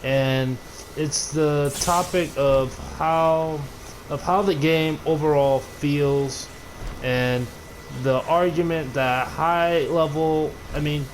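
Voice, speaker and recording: A man's voice: fairly high pitch, fairly even intonation, takes it slowly, slight background noise, rough recording. A man ranting casually about a video game, rambling and cursing, often restarting his sentences. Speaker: gaming video creator. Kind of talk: casual gaming rant.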